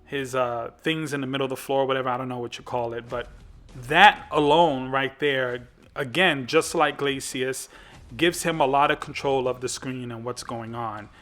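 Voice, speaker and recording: A man's voice: medium pitch, fairly even intonation, moderate pace, fairly bright tone, soft background music. A man hosting a gaming channel, giving casual commentary on a fighting game, rambling with lots of fillers and restarts.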